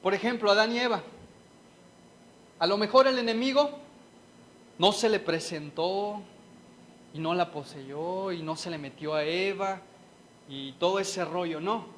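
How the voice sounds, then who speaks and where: Guy preaching, high voice, earnest and emotional, faint hiss behind him. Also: a little slow, pauses often, a bit bright. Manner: earnest, emotional, speaks to listeners directly. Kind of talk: sermon with personal testimony.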